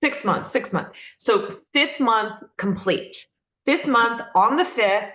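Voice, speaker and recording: This company founder, a middle-aged Texan woman, speaks slowly in a fairly high, slightly bright voice. As an interview guest she tells stories with earnest enthusiasm, keeping the conversation casual. Echoey room sound surrounds her.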